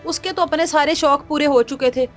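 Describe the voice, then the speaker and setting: A woman's voice: high voice, steady tone, faint music behind. A woman from Pakistan presenting a news show, retelling a crime case in an indignant, moralizing way and acting out quotes. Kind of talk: emotional crime story retelling.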